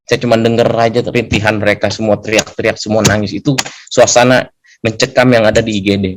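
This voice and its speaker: Young man, testifying. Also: medium pitch. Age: young adult. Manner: conversational, often adds a questioning tag for agreement. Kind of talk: personal testimony storytelling.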